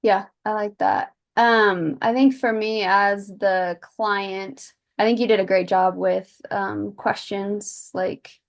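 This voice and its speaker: Casual woman with a creaky voice. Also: medium pitch, steady tone, takes it slowly, few pauses. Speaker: student playing the client in a practice role play. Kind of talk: casual peer chat and feedback.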